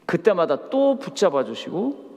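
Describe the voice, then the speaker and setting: A man's voice: sits high, big pitch swings, normal speed, dark tone. A middle-aged man preaching a sermon as a pastor, telling humorous stories and acting out the dialogue. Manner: storytelling with humor, acts out quoted dialogue. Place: camp meeting hall. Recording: hall reverb.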